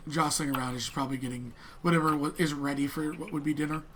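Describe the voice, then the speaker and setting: A man with a fairly high voice runs a tabletop game as its master. He narrates conversationally, hedging and pausing as he improvises. The recording has clear noise in the background. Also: fairly even intonation, a bit bright. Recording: clearly noisy room.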